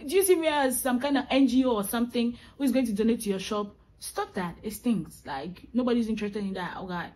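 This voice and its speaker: A young woman venting straight to her viewers, exasperated and emphatic, driving points home by repeating them. Her voice sits a little high and has a husky edge. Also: quick pace, few pauses, a little mellow, low-quality recording. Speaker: vlogger. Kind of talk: ranting vlog monologue.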